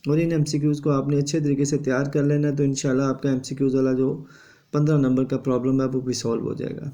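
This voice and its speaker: A man teaches an exam revision lesson. His voice is mellow and dark, and his pitch stays flat as he lectures steadily. He adds a confirming tag after each point.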